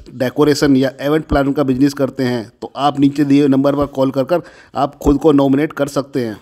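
A man narrating an event preview in a steady, informative way, listing details one after another. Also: mid-range voice. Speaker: vlogger. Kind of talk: promotional voice-over.

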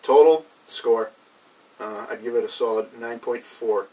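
A young man in a casual review chat, halting and searching for words as he goes. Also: mid-range voice. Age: young adult. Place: small cluttered indoor room with brick wall. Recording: distant mic, background noise.

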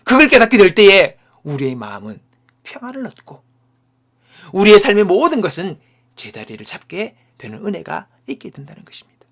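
A man preaching a sermon as a pastor and closing in prayer, speaking in short emphatic phrases and dropping into hushed whispers. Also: sits high, wildly swooping pitch. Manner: swings from loud declarations to hushed whispers; slow, emphatic phrasing broken into short pieces.

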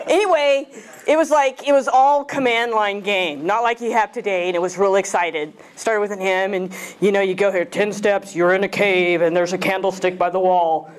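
In a small lecture room, a woman in her fifties speaks at normal speed in a mid-range voice. As a guest speaker for a club, she keeps things casual and jokey, uses a handheld mic, and often puts questions to the audience.

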